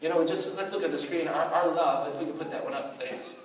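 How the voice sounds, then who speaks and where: A middle-aged man preaching from a church stage, his voice a touch high and carried off into a long, echoing hall. He tells stories animatedly, full of casual asides, heard from some way off the mic with a faint hiss behind. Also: fairly quick. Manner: animated conversational storytelling, many asides. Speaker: pastor. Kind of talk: sermon. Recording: echoey hall, mic far off, faint noise.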